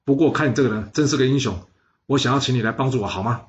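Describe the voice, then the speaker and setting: A man voicing an ambitious, hot-tempered scheming noble with forceful, threatening speech, recorded with slightly dull audio. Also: medium pitch, rapid-fire, lightly acted. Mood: persuasive.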